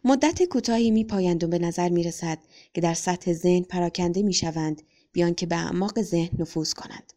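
Mellow woman reading a story aloud. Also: lowish voice. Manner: calm, even reading. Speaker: narrator. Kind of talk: audiobook narration.

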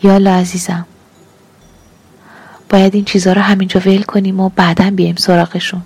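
A woman's voice: medium pitch, little pitch movement, a little mellow, slight background noise, lightly acted. A woman reading as a hungry, demanding young lover. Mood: coaxing. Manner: pleading then accusing, emotional.

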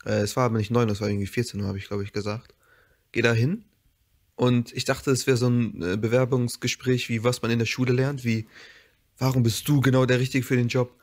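A man's voice: mid-range voice, little pitch movement, a little fast. Young man laughing through a story. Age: young adult. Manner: laughs often, acts out dialogue with swearing and slang. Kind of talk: casual storytelling chat among friends.

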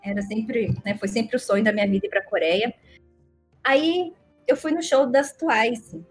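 A woman's voice: fairly high pitch, unhurried, slightly rough, faint music behind. A young woman from Brazil with a Brazilian Portuguese accent, telling stories casually in a rambling, playful, giggly way. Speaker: livestream guest storyteller. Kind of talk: casual storytelling chat.

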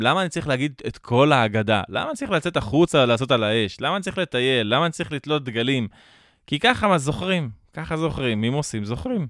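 A man's voice: medium pitch, a bit bright, dry recording, studio quality. A man with an Israeli accent chats casually, reasoning things out with examples and rhetorical questions. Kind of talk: casual conversation.

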